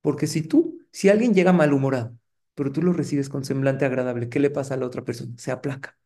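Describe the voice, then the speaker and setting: Engaging rabbi preaching. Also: male voice, medium pitch, fast, mellow. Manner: engaging, asks the audience rhetorical questions. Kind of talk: lively sermon to a congregation.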